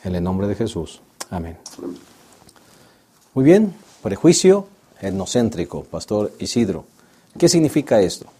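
A man hosting a Bible study discussion, praying and then asking the pastor questions in a calm manner. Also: fairly low pitch, measured pace, pauses often, slightly rough. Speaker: lesson host.

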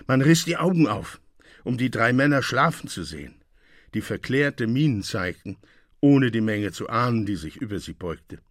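A man narrating a classic short story as a radio reading, with lively, expressive delivery. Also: medium pitch, moderate pace, no echo, clean studio sound.

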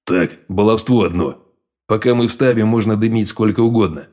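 Brief: growling mutant sage, low, calm, read by a man. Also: soft background music, natural voice. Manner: calm, unhurried. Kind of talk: audiobook character voice.

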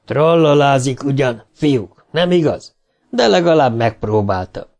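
A man voicing a burly, swaggering spaceship sailor in an audiobook, gruff and mocking. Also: medium pitch, lively intonation, a little mellow, pitched above the performer's own voice, lightly acted.

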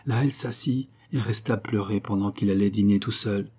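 Male audiobook narrator: low, mellow voice, measured literary reading. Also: fairly even intonation, husky.

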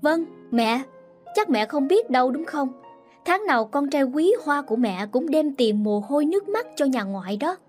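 A woman voicing a sharp-tongued, scornful sister-in-law who scolds loudly, in a storybook reading. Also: high-pitched, animated, moderate pace, faint music behind. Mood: scornful, scolding. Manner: loud, mocking and scolding.

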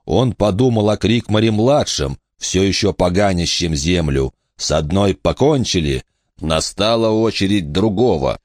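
A man narrating an audiobook in a steady, tense storytelling manner. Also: low-pitched, measured pace, no echo, studio quality.

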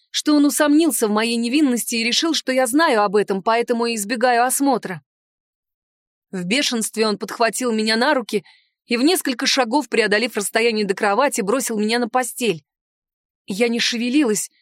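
A higher-voiced woman reading a first-person novel aloud with expressive, lively delivery. The sound is dry and close. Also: a little fast, no room sound. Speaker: audiobook narrator.

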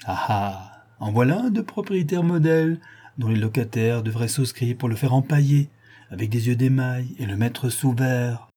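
A man's voice: mid-range voice, normal speed, warm tone, breathy edge, natural voice. A man voicing a scornful, vengeful young woman, an ex-model, mocking and menacing. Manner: mocking, then bitter and menacing.

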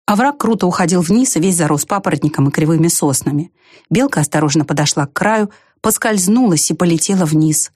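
A woman narrating a children's storybook in a lively, expressive way. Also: on the low side, a little fast, breathy edge, no echo, clean studio sound. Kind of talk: storybook reading.

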